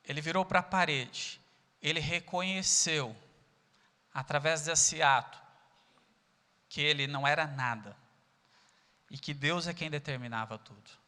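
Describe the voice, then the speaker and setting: A man's voice: fairly high pitch, a little slow, pauses often, pushed and bright, clean tone, in a large hall. A Brazilian man preaching a sermon as pastor, earnest and full of rhetorical questions. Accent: Brazilian Portuguese.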